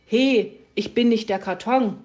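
A grumpy little owl from a children's audio story, voiced by a woman. He grumbles and protests in a raised, louder voice. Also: on the high side, unhurried, voice pushed up, natural voice. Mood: grumbling.

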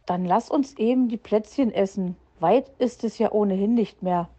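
A woman's voice: mid-range voice, normal speed, warm tone, lightly acted. A woman voicing a grumpy, nervous male fox uncle who blusters and stammers out excuses. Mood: blustering. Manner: gruff, blustering, flustered excuses.

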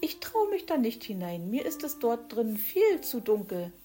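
Woman voicing a scared little bunny, higher, fretful, storybook animal. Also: sing-song, moderate pace, warm tone, soft background music. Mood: anxious. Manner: anxious, fretful. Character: timid young rabbit, easily scared.

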